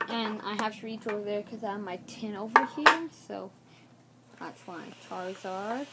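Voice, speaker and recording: A woman showing off trading cards in a casual video, naming each one haltingly and unsure of some names. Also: mid-range voice, background noise. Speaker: card showcase vlogger. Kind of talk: casual card showcase.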